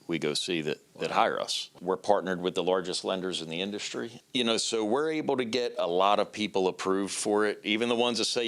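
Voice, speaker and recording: A man with a low voice answers as a company executive in an infomercial interview. He explains point by point in short phrases, as a sales explanation. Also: a bit bright. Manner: explanatory, step by step, seeks agreement.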